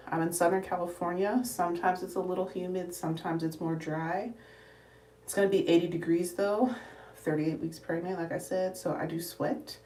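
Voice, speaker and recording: A young adult woman talks her viewers through a makeup tutorial in a chatty, casual way, calling them y'all and sounding out of breath. Her voice sits a little low and reaches the mic from a short way off. The room around her is echoey, with faint background noise. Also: mellow. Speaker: beauty livestreamer. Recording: echoey room, voice slightly distant.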